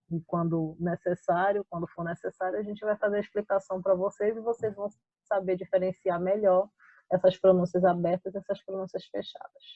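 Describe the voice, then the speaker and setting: A woman's voice: fairly low pitch, no echo. A woman with a Brazilian Portuguese accent teaching an online class, explaining patiently and checking in with her students. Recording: phone-like thin audio.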